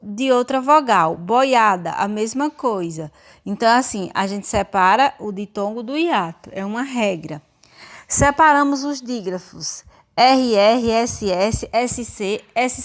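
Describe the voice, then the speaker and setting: A woman's voice: on the high side, fairly bright tone. A young adult woman with a Brazilian Portuguese accent, teaching a recorded school lesson and explaining step by step while pointing out examples.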